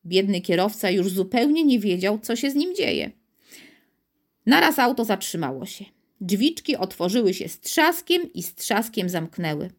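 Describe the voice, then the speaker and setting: A woman narrating a children's storybook in an expressive, measured reading. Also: mid-range voice.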